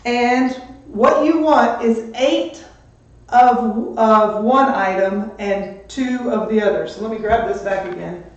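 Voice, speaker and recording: A man's voice: high-pitched, slow pace, a little hiss or hum. A man teaching a math lesson on a live stream, chatty and upbeat, greeting students as they join. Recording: distant echoey muffled room mic.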